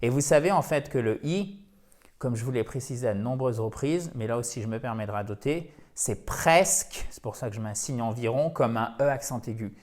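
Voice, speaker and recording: An energetic man gives a pronunciation lesson to French learners, drilling each word again and again. He talks in a chatty, encouraging way between the examples. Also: medium pitch, brisk. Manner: energetic, repeats words for drilling, chatty asides. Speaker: English pronunciation teacher. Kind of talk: video lesson.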